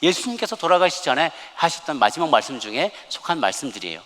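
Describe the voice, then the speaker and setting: Pastor guy preaching, fairly high bright voice, tells it with lots of feeling, echoey church hall. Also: sing-song, fast. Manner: emphatic storytelling with loud scripture reading. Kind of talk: sermon. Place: church sanctuary. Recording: long church hall reverb.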